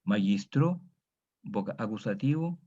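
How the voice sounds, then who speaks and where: A man's voice: lowish voice, lively intonation, unhurried, darkish tone. A man teaching a Latin grammar lesson, patiently drilling students through declensions and checking in with them often. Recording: dull lo-fi recording.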